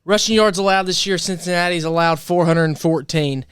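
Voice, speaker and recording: Male sports show host, emphatic pick-maker, slightly high and clean voice, dry close sound. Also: a little fast, smooth, dry recording. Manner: emphatic, animated picks. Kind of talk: casual sports talk, making picks.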